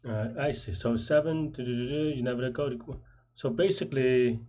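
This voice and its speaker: A man's voice: mid-range voice, fairly quick, dark tone. A man casually thinking aloud as he solves a programming puzzle, speaking in hesitant, muttered fragments while typing. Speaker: programmer host live-solving a puzzle. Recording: faint noise, keyboard typing and clicks.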